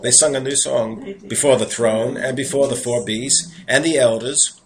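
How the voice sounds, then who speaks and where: A man's voice: medium pitch, fairly even intonation, normal speed, a little hiss or hum, rough recording. A man with a New York accent preaching a sermon, reading scripture aloud and breaking off into earnest, conversational asides. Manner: earnest, conversational asides between read verses.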